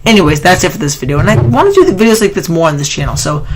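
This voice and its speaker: Rapid-fire and sing-song, his high-sitting voice comes through with background noise as he rambles, complains and corrects himself mid-sentence. He's a YouTuber with a sore throat and nasal voice doing casual gaming countdown commentary.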